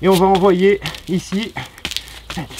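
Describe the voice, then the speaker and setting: A man's voice: sits high, lively intonation, measured pace, background noise. A male fitness coach leading a home workout, upbeat and chatty, counting reps aloud between casual asides. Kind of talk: guided home workout instruction.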